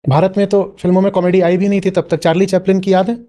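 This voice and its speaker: Addressing a live audience, a male spiritual teacher responds to someone's question, frequently prodding them with questions and a "hmm?". His voice sits high and dark-toned, moving little in pitch, and he talks quickly.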